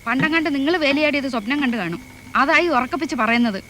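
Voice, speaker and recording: An actress playing a sharp-tongued, scornful wife and mother in a comedy film, scolding. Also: high voice, fast, loud music behind the voice, natural voice. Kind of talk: Malayalam comedy film acting.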